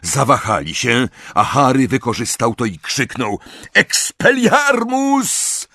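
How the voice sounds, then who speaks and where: A man's voice: mid-range voice, animated, normal speed, pushed and bright, slightly rough, no echo, clean studio sound. A man narrating an audiobook with dramatic, varied storytelling. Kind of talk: expressive audiobook reading.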